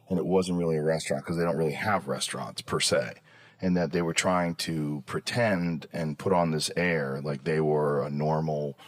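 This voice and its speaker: A man hosting a podcast in casual conversation, mostly reacting with short questions and quick affirmations. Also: extremely low pitch, dry recording. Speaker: podcast host.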